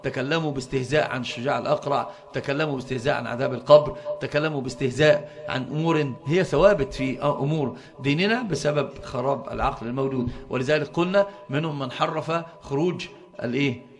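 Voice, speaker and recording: A man's voice: mid-range voice, quick pace. A middle-aged man with an Egyptian accent explaining a religious book to his students. He speaks fervently and often stalls on repeated syllables before finding his word. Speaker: religious teacher.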